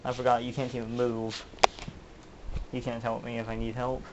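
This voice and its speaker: A man's voice: medium pitch, monotone, moderate pace, muffled recording, noisy background. A man hosting his own channel, acting out a melodramatic mock-detective comedy skit in which he questions his toys. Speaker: channel host.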